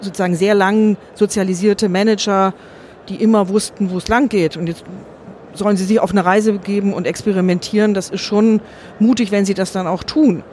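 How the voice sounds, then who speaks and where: A woman giving thoughtful, earnest answers in an interview, measured and often correcting herself mid-sentence. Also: mid-range voice, steady tone, a little mellow, a little hiss or hum. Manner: earnest and optimistic. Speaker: interview guest.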